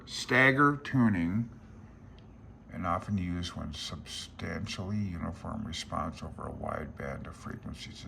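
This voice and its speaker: A middle-aged amateur radio vlogger with a low voice and vocal fry thinks aloud as he walks through a handbook in a small room at home. His informal talk is hesitant, meandering and self-deprecating, and the recording carries a little hiss or hum.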